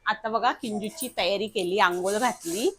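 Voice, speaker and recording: A woman's voice: mid-range voice, moderate pace, fairly bright tone, a little hiss or hum. A young woman, chatting casually through a family vlog at home and coaxing her child along. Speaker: vlogger and mother.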